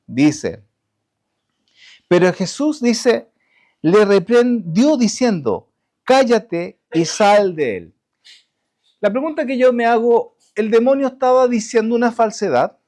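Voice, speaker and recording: A man preaching a sermon to his congregation, halting with restarts and asking rhetorical questions. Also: high-pitched, darkish tone. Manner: halting, many restarts and fillers. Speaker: pastor.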